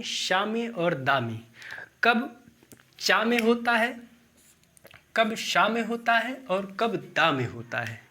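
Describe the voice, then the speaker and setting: A man from India teaches pronunciation slowly and deliberately, repeating words and quizzing his listener. His voice is bright and forward. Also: a little high. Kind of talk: classroom-style lesson at a board.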